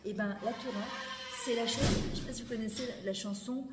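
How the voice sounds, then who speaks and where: Animated woman teaching in an echoey hall. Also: fairly high pitch, brisk. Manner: animated, emphatic, repeats phrases, mixes Hebrew words into speech. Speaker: Torah teacher. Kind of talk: spoken lesson to a women's audience. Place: lecture hall. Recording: echoey hall, faint background noise.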